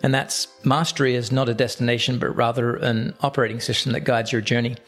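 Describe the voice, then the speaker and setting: Brief: male podcast host and golf coach, relaxed storyteller who pauses often, mid-range voice. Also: medium pitch, faint music behind. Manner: reflective, unhurried, with frequent "uh" pauses. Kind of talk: casual storytelling.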